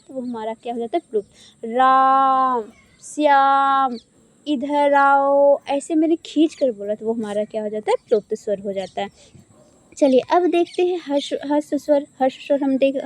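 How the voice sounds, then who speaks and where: A woman's voice: sits high, darkish tone. A woman teaching an exam-prep grammar lesson. She asks questions and answers them herself, and stretches out sounds to show them. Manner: asks and answers her own questions, drawls sounds to demonstrate.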